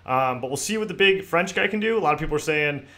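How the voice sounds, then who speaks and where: A man's voice: on the high side, expressive, quick pace, sharp tone. A young man hosting a casual sports podcast from his garage, loose, profane and self-mocking. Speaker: podcast host. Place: hot home garage.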